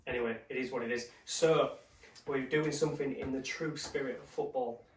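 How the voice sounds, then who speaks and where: A man's voice: medium pitch, steady tone, normal speed. A man hosts a casual football chat, bantering and swearing easily with his mates. The sound is roomy and echoey, with the mic sitting a little way off. A faint hiss sits underneath. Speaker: podcast host. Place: bedroom. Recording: roomy echo, mic at a distance, faint noise.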